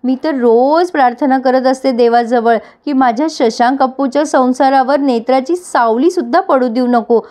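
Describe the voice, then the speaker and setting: A woman's voice: sits high, moderate pace, hardly any pauses, a little mellow, natural voice. A woman voicing a guilt-ridden, tearful older aunt who keeps apologizing. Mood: guilty.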